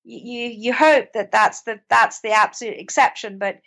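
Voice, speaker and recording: A British woman from the United Kingdom, an author and mental health advocate, speaks as a podcast guest. She's earnest and conversational, often repeating words, with a slightly high, fairly bright voice at a moderate pace.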